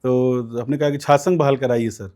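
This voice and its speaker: Mellow-voiced man from recounting. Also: mid-range voice, steady tone, brisk. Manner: recounts events at length with many fillers and quoted voices. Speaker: student politician guest. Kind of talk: conversational storytelling interview.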